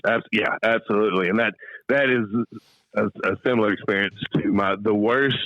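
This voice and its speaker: A middle-aged American stand-up comedian, appearing as an interview guest, tells anecdotes casually in a fairly low voice, a little fast. He is an animated storyteller who acts out quoted lines, and the sound is dry and lo-fi.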